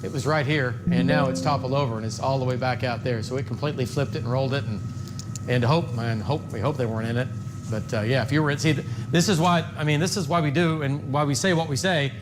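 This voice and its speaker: Reporting severe weather live and unscripted, an American man talks fast at medium pitch with fairly even intonation. He's folksy and emphatic, repeating phrases for stress, and the recording carries noticeable background noise.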